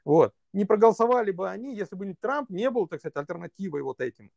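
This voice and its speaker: A man's voice: high-pitched, animated, fast talker, gravelly, a little mellow, dry recording, muffled recording. A man working as a political consultant, answering interview questions in long, reasoned stretches with many fillers.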